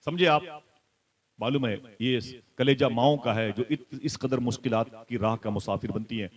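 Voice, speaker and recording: A male preacher delivers an impassioned religious sermon in a storytelling style. He drops into soft asides, then rises to loud, high exclaims, and keeps turning to his listeners with direct questions. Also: normal speed.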